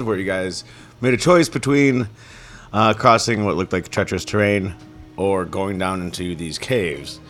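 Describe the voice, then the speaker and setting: A man running a tabletop game, casually recapping the last session with many fillers. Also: fairly low pitch. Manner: loose, rambling, many fillers. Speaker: game master.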